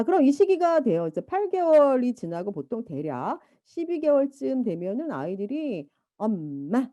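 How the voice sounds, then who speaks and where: A woman giving a lecture, lively and animated, now and then imitating baby babble and a mother's talk. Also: medium pitch, no room sound. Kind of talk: university lecture.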